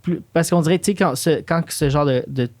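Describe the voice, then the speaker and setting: A man's voice: a little high, brisk, darkish tone, no room sound. Hesitant man. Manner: hesitant, restarts and fillers. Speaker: podcast co-host. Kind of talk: casual conversation.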